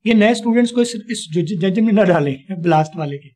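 A man's voice: sits high, animated, a little fast, warm tone. A man from Pakistan teaching a spoken English class online, patiently quizzing a student with repeated questions.

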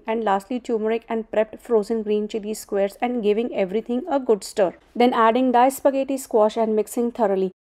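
Woman, cooking vlog voice-over, slightly high voice, calm and steady, instructional. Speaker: cooking vlogger. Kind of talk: scripted voice-over narration.

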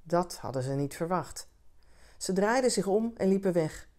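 Een vrouw die een verhaal voor volwassenen rustig en zacht voorleest als bedverhaal. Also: female voice, on the low side, expressive. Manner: gentle, unhurried storytelling. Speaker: reader of stories for adults. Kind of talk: calm bedtime reading.

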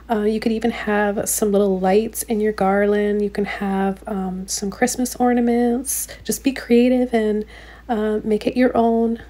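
A woman narrating a painting tutorial in a gentle, encouraging way, with frequent ums and uhs. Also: a little high. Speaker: painting instructor. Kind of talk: relaxed step-by-step tutorial narration.

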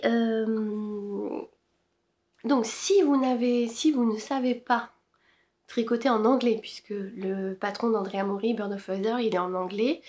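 A woman chatting casually about her knitting to camera, hesitant with many fillers. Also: fairly high pitch. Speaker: knitting podcaster. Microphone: camera-mounted shotgun mic.

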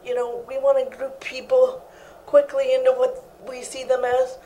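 A woman's voice: high-pitched, monotone, moderate pace, warm tone, a little hiss or hum, low-quality recording. A young woman guest in an interview, talking earnestly and steadily about her own life in a living room set, on a lapel mic. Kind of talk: interview answers.

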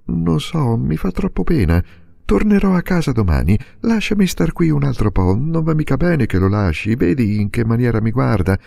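Male reader doing a tender, anxious young boy in a storybook; raised high, eager and pleading. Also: big pitch swings, moderate pace, vocal fry, warm tone, full character voice. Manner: emotional, breaking into eager pleading.

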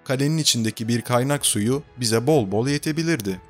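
A man reading an adventure audiobook in a slow, even storytelling manner. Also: mid-range voice, faint music behind. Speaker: audiobook narrator. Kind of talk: scripted audiobook narration.

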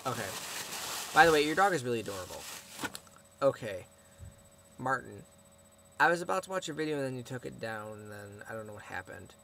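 A man's voice: medium pitch, lively intonation, brisk, vocal fry, pauses often, a bit bright, slight background noise. Chatty teenage boy vlogging. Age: teens. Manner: chatty, rambling, answering viewer questions. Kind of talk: casual chat to camera.

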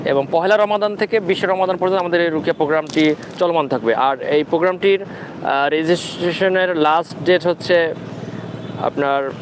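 This informal livestream features a high-voiced Bangladeshi man, a ruqyah practitioner, fielding questions and giving religious advice outdoors at the seaside. His delivery is halting and instructive. Wind and a low rumble are clearly audible.

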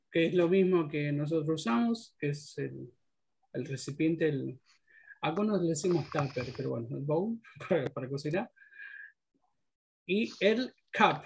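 A man's voice: on the high side, gravelly, darkish tone, slightly rough. A man teaching an English class, patiently explaining pronunciation rules step by step. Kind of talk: online class instruction.

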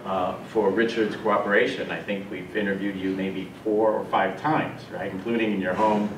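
A man, a course professor giving a measured, explanatory introduction to a class, with some fillers. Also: sits low, fairly even intonation. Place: university classroom with students. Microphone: far camera. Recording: echoey classroom, distant camera mic, faint noise.

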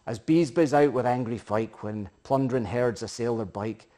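Indoors in a living room, a middle-aged Scottish man recites narrative verse in Scots with a practised storyteller's touch. His medium-pitched delivery is theatrical and emphatic at a moderate pace. It moves between hushed phrases and bigger, rousing ones.

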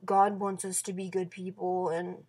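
A woman vlogging casually from her bedroom into a computer webcam mic. She rambles with lots of fillers and restarts, drifting from soft mumbles to louder bursts. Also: lowish voice, level tone, normal speed, breathy edge.

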